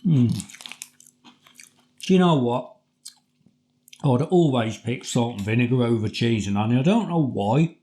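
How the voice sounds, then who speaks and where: A man's voice: medium pitch, animated, normal speed, mellow. A middle-aged man with a British accent giving a casual, informal food review to camera in a home kitchen. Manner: informal, chatty, colloquial. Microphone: camera across the table.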